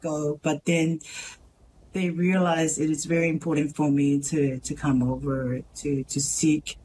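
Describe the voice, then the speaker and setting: A woman's voice: sits low, flat delivery, mellow, a little hiss or hum, poor audio. Earnest Tongan woman telling her story. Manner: earnest, halting, many pauses and restarts. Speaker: teacher, interview guest. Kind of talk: radio interview, personal story.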